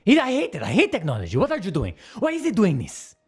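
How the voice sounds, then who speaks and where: A man voicing a frantic middle-aged mother who is baffled by computers, in a shrill, squawking voice that keeps climbing into loud squeals. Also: huge pitch swings, quick pace, husky, exaggerated voice. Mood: exasperated. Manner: panicky, every line climbing into loud squeals.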